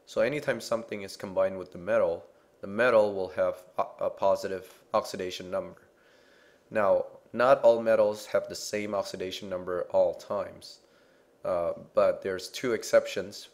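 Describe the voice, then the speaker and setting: A man's voice: low voice, a little mellow. A man teaching a chemistry lesson, explaining slides patiently and often checking in with "okay?".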